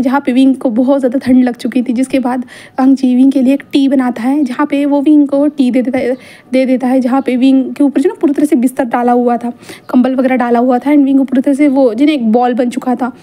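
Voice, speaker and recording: A woman's voice: high voice, flat delivery, fairly quick, mellow. A woman narrating a fan fiction love story in a chatty storytelling manner, full of fillers. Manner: chatty code-mixed storytelling, many fillers.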